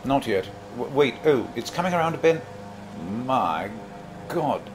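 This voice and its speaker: A man's voice: mid-range voice, expressive, unhurried, over music, lightly acted. A man playing an eccentric, cheerful, curious alien time traveller in an audio drama, with a theatrical, wordy manner. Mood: alert, intrigued.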